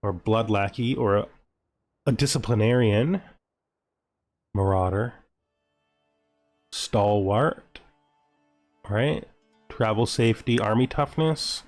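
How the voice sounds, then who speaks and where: This man's voice sits on the low side and is a little mellow, moving slowly with frequent pauses. As a gaming video host, he jokes casually through a strategy game let's-play, musing aloud and posing questions to himself over background music.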